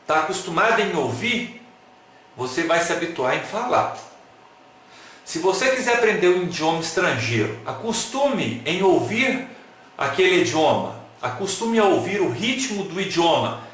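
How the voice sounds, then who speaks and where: At a measured pace and with a high-pitched voice, the man runs a lively online lecture, playfully questioning his audience, asking rhetorical questions and cracking jokes. His manner is animated; the recording has slight background noise and a very echoey room.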